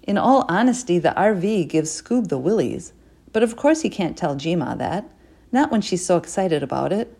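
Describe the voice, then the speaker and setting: A woman narrating a children's chapter book in an expressive storytelling voice, dropping quietly into asides. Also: lowish voice, normal speed, creaky, husky. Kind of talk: audiobook reading.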